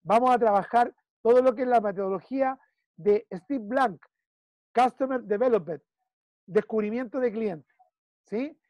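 A man's voice: very high-pitched, measured pace, pauses often, darkish tone, no room sound. A man with a Chilean accent coaching a client one-on-one, emphatic and repeating key phrases while he checks in. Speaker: business consultant.

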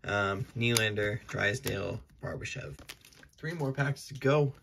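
Low gravelly young man chatting casually. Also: unhurried, a little hiss or hum. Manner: relaxed, rambling, many ums and self-corrections. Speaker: card-opening video host. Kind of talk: casual unscripted commentary.

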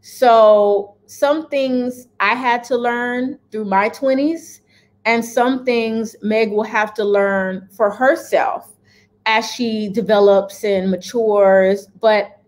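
Her voice on the high side and her pace slow, a woman in her thirties offers her views to camera in a casual chat. She is a lifestyle vlogger in her home kitchen who speaks directly and emphatically, repeatedly checking in with "okay?".

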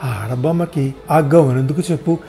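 A man's voice: medium pitch, normal speed, creaky, dark tone, faint music behind, close to an everyday voice. A man voicing a talkative, meddling elderly mother in a wheelchair, fussing over everyone in a storybook reading. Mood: chatty.

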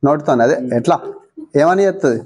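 A woman's voice: low-pitched, lively intonation, brisk, dark tone, breathy edge. A woman with a Telangana Telugu accent teaching young schoolchildren in a classroom, coaxing them with many short questions. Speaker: visiting mindfulness teacher.

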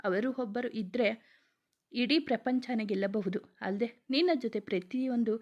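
Casting: woman doing a blunt, protective young male best friend for a storybook, brisk, slightly high. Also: highs cut off, close to an everyday voice. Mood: comforting. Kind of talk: storybook reading.

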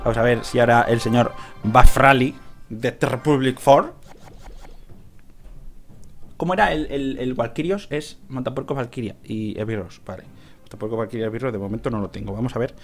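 A man from Spain giving casual gameplay commentary, excitable, shouting at the game, cursing and laughing as he plays. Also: medium pitch, a little fast, long pauses, faint music behind. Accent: Spain Spanish. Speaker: gaming youtuber.

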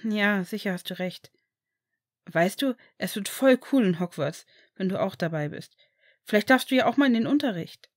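A woman voicing an eager, excitable eleven-year-old boy in a storybook reading. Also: mid-range voice, normal speed, dry recording, clean studio sound, close to an everyday voice.

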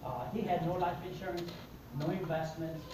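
His voice leans high and his pace is moderate as this middle-aged Mexican motivational speaker, originally a Spanish speaker, narrates his life for a seated conference audience. He animates the story by acting out dialogue; the echoey room is captured from a far-off audience camera, with background noise.

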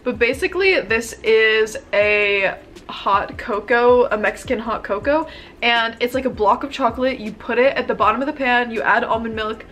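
A woman's voice: a little high, normal speed, fairly bright tone, a little hiss or hum. Chatty young woman gushing in a bedroom. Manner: bubbly, chatty, gushing, frequent "like" and "um". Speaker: vlogger. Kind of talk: casual haul video.

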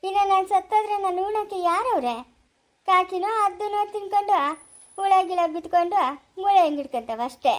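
A lonely widowed old grandmother from a forest hut, played by a woman, speaking in a high voice. She coaxes and soothes tenderly, repeating her words gently in a homemade family drama. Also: normal speed, close to an everyday voice. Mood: lamenting. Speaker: actor in family short drama. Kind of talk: amateur family drama acting.

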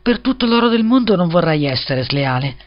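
Guy doing little hans, meek eager peasant gardener from a fairy tale, pitched up, kinda dull lo-fi sound. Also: big pitch swings, a little fast. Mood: supplichevole. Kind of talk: storybook reading. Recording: slightly dull lo-fi recording.

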